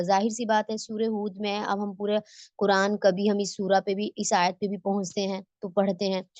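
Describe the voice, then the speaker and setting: A woman's voice: medium pitch, a little mellow, dry recording, lo-fi sound. A woman teaching tajweed online in a patient, explanatory way, posing questions and answering them herself. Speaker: Quran recitation teacher.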